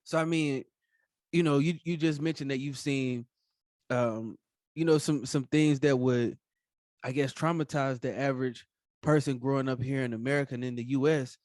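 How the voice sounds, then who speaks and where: A podcast host with a mid-range, slightly mellow voice and fairly even intonation speaks at a moderate pace in a dry, studio-quality recording. Interviewing a guest, he keeps it casual, using lots of fillers and affirming remarks.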